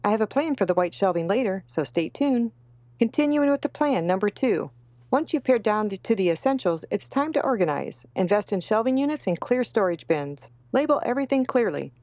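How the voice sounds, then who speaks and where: A woman in her thirties narrating a home decluttering vlog in a calm, steady voice-over. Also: mid-range voice, fairly quick, dry recording. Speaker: home organizing vlogger.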